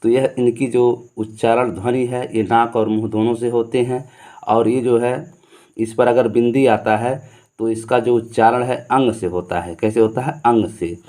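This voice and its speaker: A man's voice: medium pitch, steady tone, moderate pace, dark tone. A man teaching grammar to students, who repeats his points and asks questions that he then answers himself. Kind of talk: explaining Hindi grammar to students.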